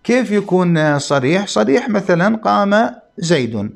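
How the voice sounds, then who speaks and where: A man's voice: high-pitched, very animated, gravelly. A man with a somewhat raised voice teaches a grammar class. He sets up each point with a rhetorical question, then answers it patiently, lingering on key rules. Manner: asks rhetorical questions and answers them himself; slows down to stress key points. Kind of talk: classroom lesson explaining Arabic grammar.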